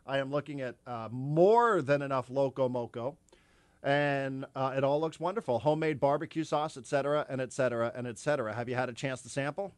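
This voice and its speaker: A man hosting a sports talk radio show from the studio, talking in an animated, rambling way with lots of repeated words. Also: medium pitch, brisk, dry recording. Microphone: studio microphone.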